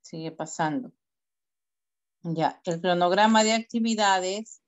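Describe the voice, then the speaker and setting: Strict teacher on a call. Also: female voice, on the low side, slow pace. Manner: direct, corrective, gives step-by-step instructions. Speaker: teacher reviewing student work. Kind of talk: online class feedback. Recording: dull lo-fi video call audio.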